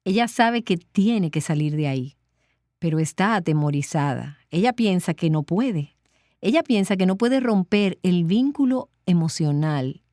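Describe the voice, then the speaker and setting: A woman hosting a faith podcast, asking questions in a probing, measured way. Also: fairly low pitch, expressive, mellow, no room sound, studio quality. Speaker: host. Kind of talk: interview questions.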